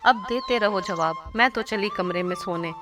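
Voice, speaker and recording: A woman's voice: mid-range voice, normal speed, natural voice. A woman voicing a stern, exasperated middle-aged mother-in-law in a cartoon story, scolding. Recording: cartoon voice over loud music.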